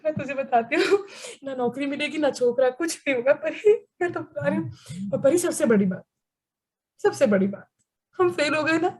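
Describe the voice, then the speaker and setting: A woman's voice: sits high, brisk, a little mellow, close to an everyday voice. A woman playing a gloomy, melodramatic teenage schoolgirl in an amateur church skit, wailing and theatrical. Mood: wailing gloom. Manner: wailing, theatrical, doom-mongering.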